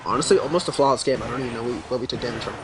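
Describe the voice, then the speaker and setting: A man's voice: mid-range voice, racing, noisy background. A man casually commenting on his own gameplay during a live stream, laid-back and mumbling asides as he reacts to chat. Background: game music.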